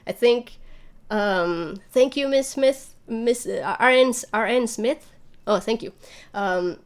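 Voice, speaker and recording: A YouTube channel host speaks in a fairly high, smooth voice at a slow pace. She's running a livestream, chatting casually and rambling as she thinks aloud through viewer questions.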